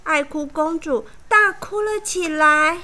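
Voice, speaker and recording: A woman reading a children's picture book aloud in a slow, animated storytelling manner. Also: high-pitched.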